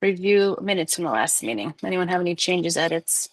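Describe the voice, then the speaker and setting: A woman's voice: lowish voice, lively intonation, a little fast, no room sound. A woman chairing a committee meeting over a video call, congested, casual and polite with many fillers. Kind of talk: running a virtual meeting.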